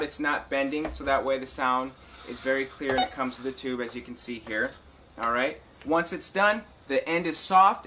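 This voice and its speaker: This musician's voice runs high, bright, and forceful as he casually guides viewers through a hands-on talk box process, calling them guys and folks. The recording carries a slight hiss or hum.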